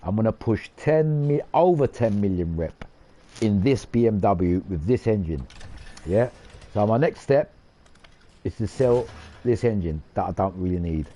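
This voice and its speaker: A man's voice: fairly low pitch, expressive, unhurried, mellow. A man hosting a gaming channel, rambling in casual gameplay commentary, boastful and swearing casually.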